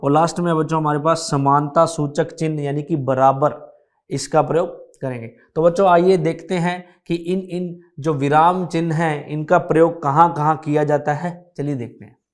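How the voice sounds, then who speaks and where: A male teacher leads a grammar lesson aimed at children, with a voice sitting a little high for a man. He explains patiently, stops to repeat key points, and keeps turning to his young listeners. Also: fairly even intonation. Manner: slow, repetitive explaining, addresses children often.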